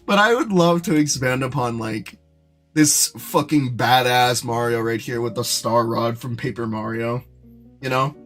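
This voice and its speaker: Young man, streamer, monotone, rambling, fillers, casual live chat, soft background music. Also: mid-range voice, measured pace. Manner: rambling, self-described monotone, many fillers and restarts. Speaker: streamer and animator.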